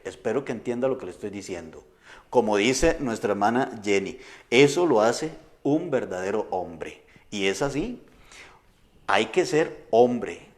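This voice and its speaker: A man's voice: mid-range voice, a little mellow. A middle-aged man, a pastor preaching a sermon in an earnest, conversational way with frequent restarts.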